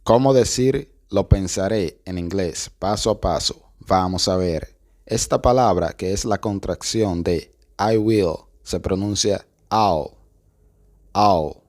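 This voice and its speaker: Slow, low-voiced man teaching pronunciation. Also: darkish tone. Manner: patient, repeats each word twice. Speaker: English teacher. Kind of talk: slow step-by-step pronunciation lesson.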